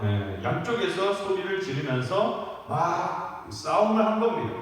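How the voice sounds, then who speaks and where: Emphatic pastor in an echoing church. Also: male voice, sits high. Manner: conversational and emphatic, lots of fillers. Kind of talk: sermon. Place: church sanctuary. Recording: echoey church hall, voice from far off.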